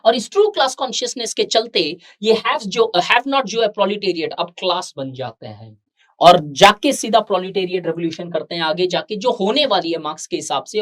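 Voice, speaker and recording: A woman teaches an exam-prep class. She explains step by step and keeps turning to the students with questions. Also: mid-range voice. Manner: explains in mixed Hindi and English, with rhetorical questions to students.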